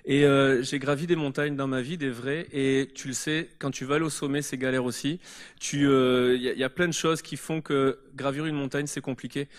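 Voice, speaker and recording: A man's voice: mid-range voice, fairly even intonation, moderate pace. A man being interviewed as a guest author at a church service, explaining his ideas in an earnest, reflective way. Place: church service before a congregation.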